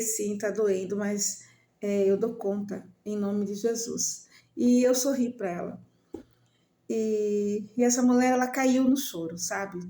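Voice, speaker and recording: A woman telling a personal religious testimony in an earnest, unhurried way, acting out the dialogue as she retells it. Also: mid-range voice, roomy sound. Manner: earnest, softly paced retelling with quoted dialogue. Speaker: testimony speaker.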